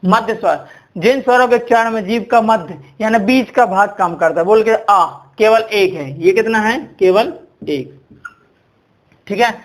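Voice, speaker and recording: An Indian man with a high-pitched voice, speaking at normal speed, teaches a grammar lesson. He quizzes his listeners and keeps repeating key points, leaning on "ठीक है" and asking "कितने होते हैं?".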